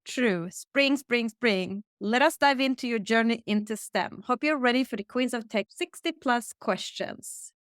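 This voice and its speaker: A woman hosting a podcast, reading set interview questions in a steady, bright tone. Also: a little high, measured pace, few pauses, no echo, clean studio sound. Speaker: podcast host. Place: Stockholm.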